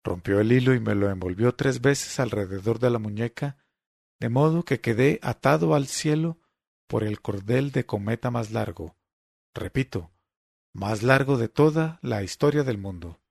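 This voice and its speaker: A man reading a literary story aloud in a measured, deliberate way. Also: medium pitch, vocal fry, darkish tone, no room sound, clean studio sound. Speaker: narrator. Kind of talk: literary audiobook narration.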